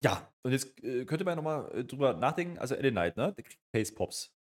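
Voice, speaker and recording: A man's voice: medium pitch, very animated, brisk. A man co-hosting a wrestling review podcast, recapping in casual chat and acting out quotes. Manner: chatty recapper, acts out quotes.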